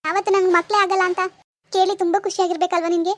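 A woman's voice: extremely high pitch, level tone, very fast. A woman voicing a bitter, grieving young wife. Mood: furious. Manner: bitter, accusing, tearful. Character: bitter young woman who lost her baby. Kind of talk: animated village drama voice acting.

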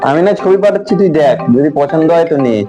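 A man's voice: fairly high pitch, expressive, fast, over loud music. A man at home staging a pretend phone call for a prank video, chatty and teasing, repeating himself and chuckling as he talks. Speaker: prank vlogger. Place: at home indoors.

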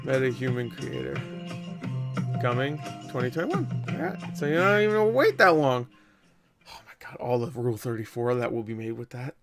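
Sing-song and a bit bright, the young man's mid-range voice moves at normal speed, with faint music behind him. Reacting casually from a small room at home, he exclaims, curses and tosses in jokes.

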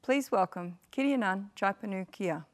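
Middle-aged woman, ceremony presenter, measured formal read, mid-range voice. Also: mid-range voice. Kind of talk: formal scripted introduction. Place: studio with virtual backdrop.

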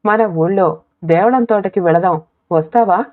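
A woman's voice: mid-range voice, a little slow, natural voice. A woman doing a worried elderly village woman. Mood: concerned. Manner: gently questioning, raising her voice to be heard. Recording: tinny phone-like audio.

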